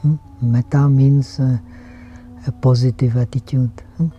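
Older man, czech accent, monk, calm reflective talk, tags "hmm?", slow, flat delivery. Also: medium pitch. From Czech Republic. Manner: slow and calm, ending thoughts with a questioning "huh?" or "hmm?". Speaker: Buddhist monk. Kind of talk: reflective documentary interview. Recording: slightly dull sound with flute music behind.

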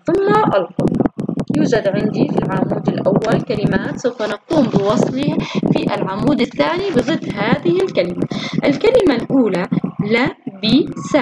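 A woman teacher going through workbook exercises for young pupils, praising often and slowly drawing out syllables as she sounds words out. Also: fairly high pitch, heavy background noise. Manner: slow, drawn-out syllables when sounding out words. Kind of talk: recorded classroom lesson.

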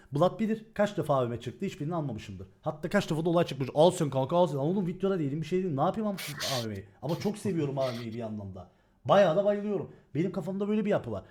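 A man's voice: a little high, sing-song, very fast, a little mellow. A man streaming and talking casually, ranting in an agitated way and swearing as he goes. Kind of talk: heated casual stream talk.

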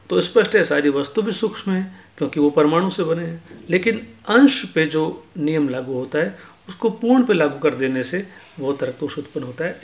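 A man teaching philosophy in a patient lecture, explaining each point with everyday examples. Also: fairly high pitch.

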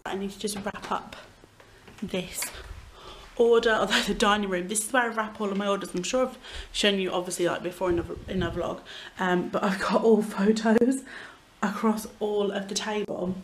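A young woman films a casual vlog at home on a handheld camera. She rambles cheerfully from one thing to the next, giggly and chatty. Her voice sits at an ordinary middle pitch. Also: steady tone, normal speed, a little hiss or hum. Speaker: vlogger. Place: at home indoors.

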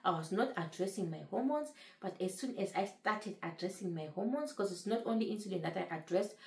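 A late-thirties vlogger earnestly recounts her weight loss to camera in a casual tone, repeating phrases for emphasis. Her mid-range voice is animated, brisk, gravelly and a little mellow, with a roomy sound.

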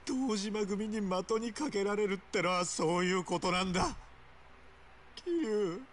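A desperate young yakuza in a video game, rough-spoken and blunt. His voice sits high for a man. There is a faint hiss behind the game audio. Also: animated, measured pace. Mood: grim, pained. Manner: rough, blunt street speech. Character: desperate young male yakuza, gruff and cornered.

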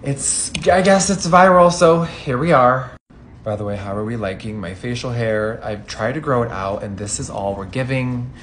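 A man doing a casual makeup review vlog, talking in a sassy, campy way with frequent swearing, swinging between loud exclamations and low muttered asides. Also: lively intonation, normal speed, slight background noise. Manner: sassy and campy, calls viewers "bitch" and "baby"; swears often.

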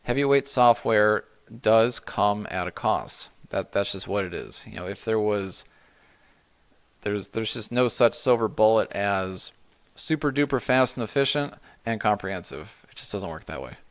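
A man's voice: fairly low pitch, normal speed, smooth. Casual middle-aged man answering chat. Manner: relaxed, rambling, frequent restarts and "you know". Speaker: livestream host answering chat questions. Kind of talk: casual live-stream Q&A.

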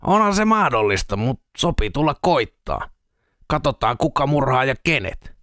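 A man voicing a reckless, brash young male drunk with a gruff, blunt manner in an audiobook. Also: mid-range voice, very animated, fairly bright tone, no echo, studio quality, voice pushed up. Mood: teasing.

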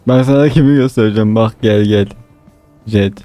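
A man's voice: lowish voice, fairly quick, warm tone, soft background music. A young man chatting casually while gaming, giving short, repeated, bossy instructions. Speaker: gamer leading pranks in online matches.

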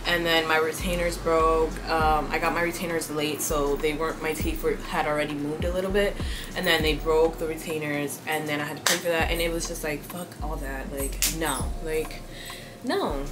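A woman's voice: deep voice, steady tone, moderate pace, low-quality recording. A young woman vlogging to camera in casual chat, blunt, swearing freely and padding her talk with fillers. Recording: music playing behind the voice.

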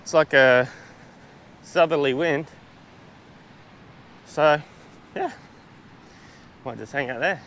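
A man's voice: fairly high pitch, slow pace, pauses often, a bit bright, a little hiss or hum. An Australian man chatting casually through a travel vlog on a beach, laid-back, with lots of fillers and restarts, recorded outdoors on a small camera-mounted mic. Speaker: travel vlogger.

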